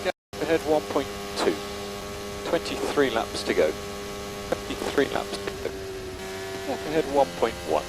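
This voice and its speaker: A race engineer gives clipped, matter-of-fact updates over team radio in a medium-pitched, sing-song, gravelly voice. He's unhurried and leaves long pauses, and the noisy radio transmission carries car noise.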